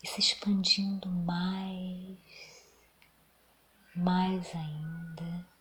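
A female meditation guide with a Brazilian accent speaks at a lowish pitch, her delivery very slow and soothing. Her voice is soft and breathy, nearly a whisper, with little movement in pitch.

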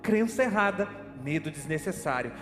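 A man's voice: fairly high pitch, lively intonation, normal speed, fairly bright tone. A Brazilian man preaching a sermon, telling a personal story with dramatic re-enactment and calling listeners brother. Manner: dramatic storytelling, acts out his own panic; addresses listeners as brother, asks questions. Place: church hall, streamed online. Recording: echoey hall with faint music.

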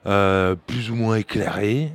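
A man's voice: fairly low pitch, fairly even intonation, slow pace, dry recording. A man who sells wine, a radio studio guest explaining earnestly with some repetition. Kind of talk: casual interview.

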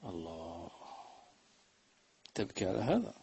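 A man giving a religious lesson, chanting lines of verse slowly and then explaining them in quick, plain talk. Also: low-pitched, sing-song, mellow, a little hiss or hum, rough recording. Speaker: religious teacher.

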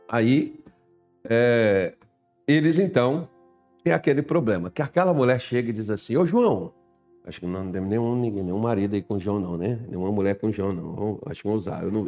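Um homem pregando um sermão informal com humor, conversando com a congregação e imitando vozes de fiéis. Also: male voice, medium pitch, a little mellow. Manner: chatty, acts out voices of churchgoers; directs someone to put up Bible verses. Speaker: preacher. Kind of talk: informal sermon with humorous asides.

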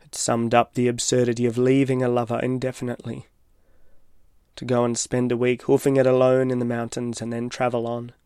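A man reading his own reflective, literary personal essay as scripted narration, in a measured way. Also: mid-range voice, completely flat delivery, clear, resonant tone, dry recording, studio quality. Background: soft guitar music.

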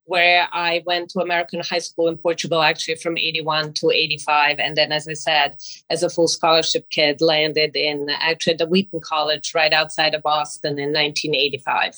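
A woman in her fifties, originally from Serbia, answers interview questions in a measured way. Her voice sits fairly low and stays flat and even. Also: low-quality recording. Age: 50s. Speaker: guest executive.

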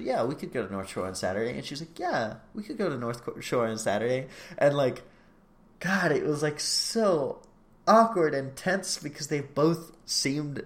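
A man chatting casually on a podcast, retelling a scene and acting out both people's lines. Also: medium pitch. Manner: animated retelling, acting out both sides of a conversation. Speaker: podcast co-host. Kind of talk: casual chat recapping a reality show.

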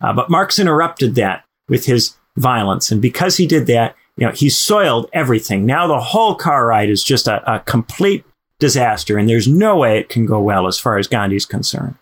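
A man's voice: medium pitch, big pitch swings, moderate pace, fairly bright tone. Man, podcast host, casual storytelling, rambling, mid-range voice. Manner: rambling, many "you know" fillers and restarts. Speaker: podcast host, former lecturer.

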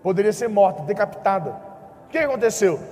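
A man's voice: high voice, lively intonation, fast, darkish tone, in a large hall, faint music behind. A Brazilian man preaching a sermon, asking his listeners questions and acting out the dialogue of the story he tells. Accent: Brazilian Portuguese. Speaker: pastor.

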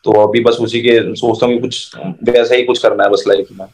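A man talks very quickly in a casual interview. He is a musician guest who switches freely between English and Hindi. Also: medium pitch, little pitch movement, low-quality recording.

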